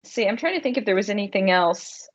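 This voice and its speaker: On slightly dull, lo-fi podcast audio, a female co-host quickly and informally talks through her thoughts on a film, full of slang. She speaks at a medium pitch with lively intonation.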